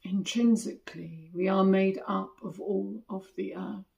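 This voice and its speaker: Leading a guided body scan, this female meditation teacher sounds gentle and calming, leaving long silences between brief phrases. Her mid-range voice holds a steady tone with some vocal fry, and the high frequencies are cut off.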